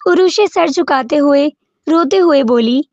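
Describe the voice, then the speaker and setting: A woman narrating a romance novel in a steady reading voice, in a dull lo-fi recording. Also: high voice, no echo. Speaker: audiobook narrator.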